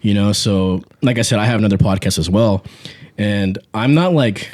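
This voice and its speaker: A relaxed man in his twenties talks at normal speed in a low, mellow voice, recorded dry. As a podcast co-host in casual chat, he laughs easily and uses lots of fillers and restarts, working from a small home setup with a studio podcast mic.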